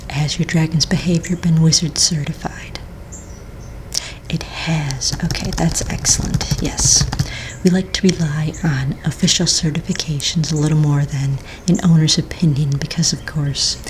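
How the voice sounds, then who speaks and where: On a rough recording, with computer keys tapping and background noise ranging from faint to clear, a woman roleplays a patient, polite fantasy pet registry office manager in soft-spoken ASMR. Her low, near-everyday voice drops to a breathy near-whisper, gentle and unhurried, with hesitant pauses as she goes over paperwork.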